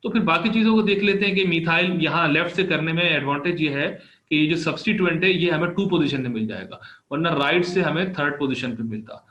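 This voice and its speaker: A man's voice: a little high, a little fast, fairly bright tone. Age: adult. Sex: man. Role: patient lecturer. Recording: roomy, dull. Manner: patient step-by-step explaining, walking through on-screen examples. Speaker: chemistry olympiad lecturer.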